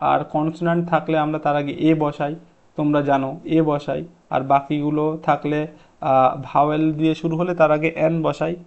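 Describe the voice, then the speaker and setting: A man's voice: a little high, a little mellow, lo-fi sound. A man teaching an exam-prep English grammar lesson, explaining step by step and asking his students questions.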